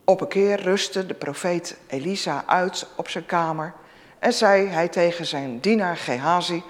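A preacher introducing and reading a scripture story aloud in a church service, telling it expressively. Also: unhurried. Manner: expressive storytelling with lively pitch. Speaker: preacher or worship leader. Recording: long church reverb.

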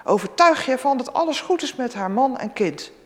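A church reader voicing a calm, authoritative old prophet from a scripture story, speaking in measured commands. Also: sits high, big-room sound, pitched above the performer's own voice. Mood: commanding.

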